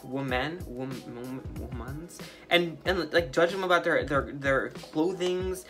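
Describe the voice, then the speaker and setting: A young male vlogger with a light, feminine-sounding voice, fairly high in pitch, talks slowly with a bright, forceful tone while making slime. He casually shares his opinions, talkative and opinionated, leaning heavily on "like" and other filler words. Faint music plays behind him.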